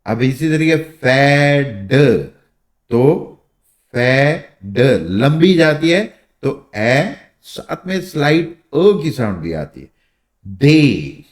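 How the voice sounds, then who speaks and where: A man teaching English vowel sounds in a slow, patient way, drawing out each example word. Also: mid-range voice, big pitch swings. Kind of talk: spoken lesson.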